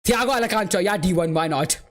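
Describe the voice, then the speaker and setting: A man hosts a live football watchalong. He calls the play in a relaxed, chatty way, and his talk is full of "bro" and "man". He answers his viewers with an easy laugh. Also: sits high, quick pace. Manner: laughs easily while answering chat. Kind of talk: live match commentary and chat replies.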